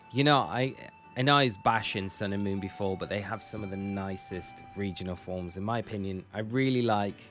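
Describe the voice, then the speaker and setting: A young man with a lowish voice chats loosely with his viewers, often correcting himself mid-sentence. His talk rambles in an easy live-stream style, with faint music playing underneath. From Northumberland, England. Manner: chatty, rambling, self-correcting.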